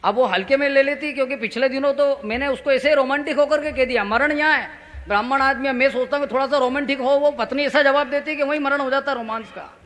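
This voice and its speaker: Male stand-up comic poet, very high bright voice, acts out the voices of the people in his stories, on stage with a mic. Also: quick pace, few pauses. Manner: animated, acts out quoted voices, playful audience asides. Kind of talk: humorous stage storytelling. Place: stage before a live audience. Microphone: stage microphone.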